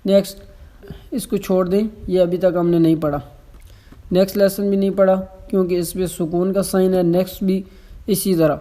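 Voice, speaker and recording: A reading tutor from Pakistan who walks through a recorded lesson syllable by syllable and then stretches each joined word out slowly. The voice is mellow and soft-edged, with a level, even pitch. English words slip into the explanations now and then.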